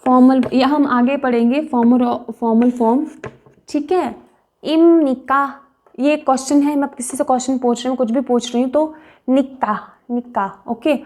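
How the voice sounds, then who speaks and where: A woman teaching a language lesson, explaining patiently and repeating example phrases slowly, syllable by syllable. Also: high-pitched, steady tone, warm tone.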